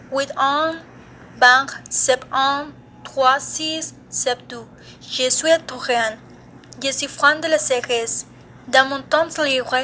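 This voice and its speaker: A teenage girl, reading a self-introduction in a plain, deliberate way. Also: high-pitched, pushed and bright, a little hiss or hum. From Mexico. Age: teens. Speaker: student.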